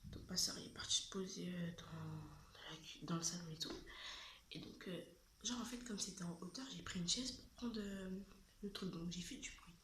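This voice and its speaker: A woman's voice: fairly low pitch, moderate pace, a bit bright, echoey room, a little hiss or hum. A woman telling a childhood story in casual, slangy chat, often dropping to a half-whisper.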